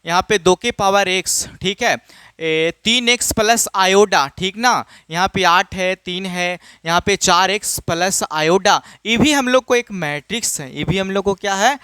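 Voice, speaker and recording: High-pitched and smooth with a sharp tone, a man teaches maths at a measured pace, recorded without echo. He repeats himself, asks and answers his own questions, and speaks casually, calling his students children.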